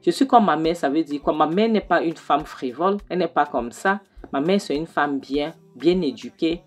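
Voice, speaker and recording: A woman's voice: low voice, expressive, normal speed, faint music behind. A woman voicing an indignant young daughter who stands up to her father for her mother, repeating herself as she argues. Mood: defiant.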